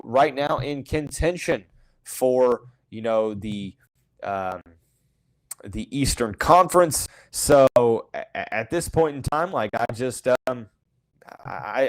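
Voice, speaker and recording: A man talks through his views on a sports podcast in a loose, unscripted way. He sits at an everyday middle pitch and fills his sentences with "you know" and restarts. He stays frank and opinionated the whole way through. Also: poor audio. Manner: heavy use of "you know" fillers and restarts; frank, opinionated, says he calls it as he sees it. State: has the hiccups. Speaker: podcast host. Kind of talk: casual sports talk monologue.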